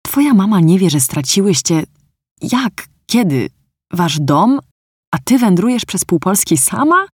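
Narrator doing a gruff guy stranger, blunt and ironic, dry mic. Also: medium pitch, normal speed, a little mellow, no room sound, natural voice. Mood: angry. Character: grown man, a guarded stranger, gruff, quick to anger.

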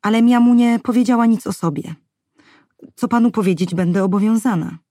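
A woman voicing a quiet, serious young woman who speaks calmly and gravely. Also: mid-range voice, fairly quick, no room sound, clean studio sound, voice pushed up, natural voice. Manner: calm and grave.

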